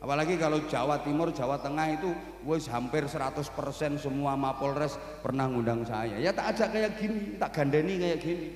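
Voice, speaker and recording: A middle-aged man with a Javanese accent giving a humorous sermon as a preacher, telling animated stories and mimicking characters. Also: a little high, brisk, a little hiss or hum. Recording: echoey hall with long reverb.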